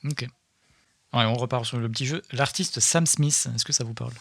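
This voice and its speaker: A male radio host talks in a relaxed, hesitant way, full of fillers, in a small studio. His voice sits at an ordinary middle pitch, recorded close and dry with no room echo. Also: gravelly. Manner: hesitant, many fillers, slow when reading. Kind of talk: casual radio talk, reading lyrics aloud. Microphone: studio microphone.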